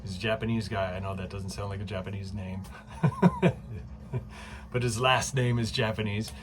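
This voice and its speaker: At home, a man vlogs casually into his phone camera, chatty and excitable, using lots of fillers and laughing often. His voice is fairly low, and he speaks at a moderate pace.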